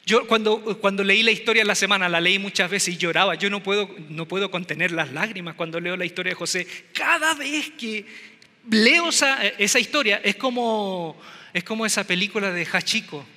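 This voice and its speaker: A male preacher with a very bright, high voice jokes and asks his listeners questions. A long reverb from a large hall hangs behind his words. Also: normal speed. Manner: humorous, conversational, addresses the congregation. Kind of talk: sermon. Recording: echoey hall.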